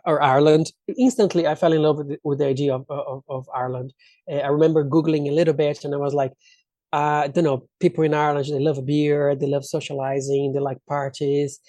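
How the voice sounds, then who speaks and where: A Brazilian man who speaks Portuguese natively has a mellow, slightly high voice. As an actor appearing as an interview guest, he casually tells personal anecdotes, often acting out remarks. The recording is close and dry.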